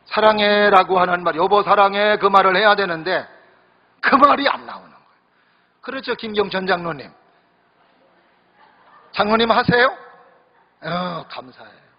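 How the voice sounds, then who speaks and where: Husky-voiced man preaching in an echoey hall. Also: high voice, normal speed, pauses often. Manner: conversational, joking, addresses congregation directly. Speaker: pastor. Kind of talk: sermon. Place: church sanctuary during worship service. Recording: echoey hall, dull lo-fi sound.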